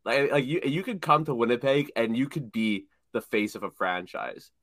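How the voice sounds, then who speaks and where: A young man co-hosting a sports podcast, firm in his views and quick to repeat himself when worked up. The sound is dry and close, with no room around his voice. His pitch sits in an ordinary middle range. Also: dry recording. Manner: animated, opinionated, repeats words when excited. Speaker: podcast co-host. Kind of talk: casual sports chat.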